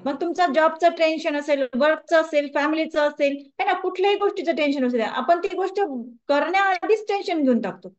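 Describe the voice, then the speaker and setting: High-voiced woman coaching a wellness group. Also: fairly quick, highs cut off. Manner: conversational, asks the audience questions. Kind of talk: lecture to a group.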